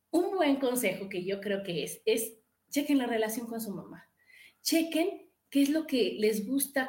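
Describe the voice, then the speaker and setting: High-voiced Mexican woman hosting a talk show. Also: roomy sound. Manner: warm, lively, repeats phrases and asks "¿no?". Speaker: radio show host and therapist. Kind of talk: casual talk-show advice.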